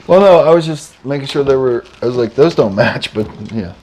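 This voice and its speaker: Woman co-host, very low voice, relaxed casual chat. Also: fairly quick, a little hiss or hum. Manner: easygoing, explains things, short agreeing replies.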